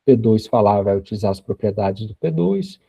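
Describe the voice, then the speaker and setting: In this screen-recorded coding lesson, a man in his forties with a lowish, gravelly, warm voice and a breathy edge teaches programming at a moderate, animated pace. He explains every step patiently and keeps adding tag questions. The recording is dry, dull and lo-fi, without echo.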